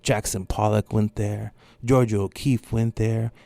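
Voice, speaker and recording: A man's voice: fairly low pitch, a little slow, gravelly, no echo. A man from California's San Joaquin Valley, a guest artist telling stories in a casual interview and acting out the people he quotes. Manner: animated storyteller, acts out the people he quotes.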